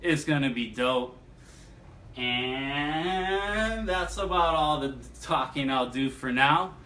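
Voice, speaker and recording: A man's voice: a little high, expressive, bright, forceful tone. A man hosting a casual hip-hop chat show, talking in laid-back slang. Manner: laid-back slang, slow delivery, laughs often. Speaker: show host. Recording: roomy far-off mic with faint noise.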